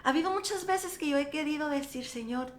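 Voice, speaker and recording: Her voice is high-pitched and fairly quick, with reverb from the radio studio around her. The middle-aged woman pastor animatedly recounts her testimony for an interview, voicing quoted dialogue as she goes.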